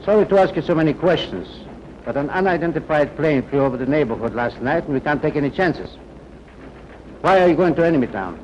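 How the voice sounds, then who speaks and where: A man's voice: a little high, fast talker, darkish tone, natural voice. An actor playing a probing, officious wartime checkpoint policeman in a 1940s film. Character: suspicious, nosy wartime checkpoint policeman, man. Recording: dull, hissy 1940s film soundtrack.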